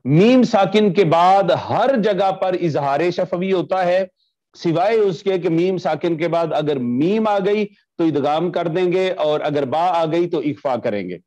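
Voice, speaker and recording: A man with a fairly high voice teaches a recorded online lesson on Quran recitation. He explains patiently, repeats each example and chants phrases slowly. The sound is dull and lo-fi. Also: a little mellow.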